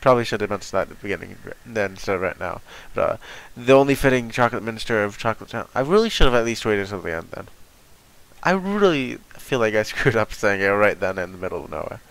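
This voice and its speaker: A man's voice: on the low side, big pitch swings, fast, creaky, fairly bright tone, rough recording. Stuffy-nosed young man thinking aloud. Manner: rambling, thinks aloud with many "like"s. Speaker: channel host reacting to a comic chapter. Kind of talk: casual live reaction.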